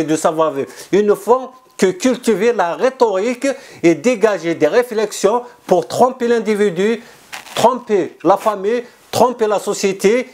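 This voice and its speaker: A man whose voice is high and a little mellow gives explanatory answers in an author interview. Earnest and insistent, he often starts over and repeats words; his first language is not French.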